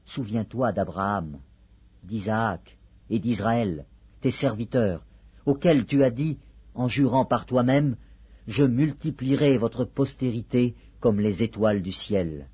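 A man reading the plea of an aged prophet in a slow, husky voice, on a dull lo-fi recording. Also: mid-range voice. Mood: pleading. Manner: solemn, earnest reading. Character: aged prophet pleading with God.

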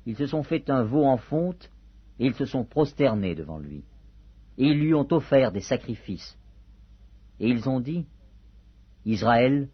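Man reading God, wrathful divine voice, slow and husky. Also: on the low side. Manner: solemn, unhurried reading. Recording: dull lo-fi recording.

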